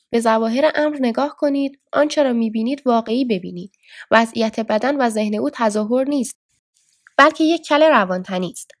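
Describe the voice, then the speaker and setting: Give me a woman playing an earnest, puzzled male doctor, raised pitch. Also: natural voice. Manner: thoughtful, explaining.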